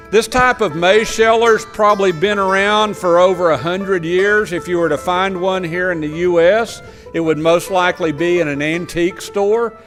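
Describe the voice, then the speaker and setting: Speaking from a church sanctuary, a missionary farming lecturer walks through slides in a straightforward, explanatory way, his high voice a bit bright. Now and then he stumbles on a word, and the church's long reverb hangs on everything he says.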